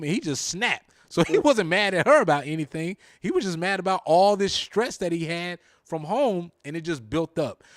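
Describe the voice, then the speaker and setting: Animated man telling a story. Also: high voice, dry recording, studio quality. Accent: Southern American. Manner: animated storyteller, acts out quoted lines. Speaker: radio show host. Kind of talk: casual talk show chat.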